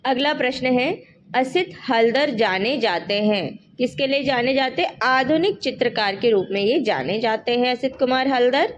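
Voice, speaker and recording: A woman's voice: a little high, normal speed. A woman tutor with a cold, reading exam questions aloud, repeating them, and giving the answers. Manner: reads each question, repeats it, then answers. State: has a cold, voice heavier. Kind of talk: one-liner quiz revision lesson. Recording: dull lo-fi recording with faint noise.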